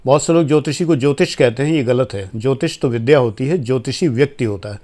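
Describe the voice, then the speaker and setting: Speaking quickly in a warm, mid-range voice, an Indian man in his fifties lectures viewers informally. He is a former administrator turned life coach, and his delivery is earnest and admonishing.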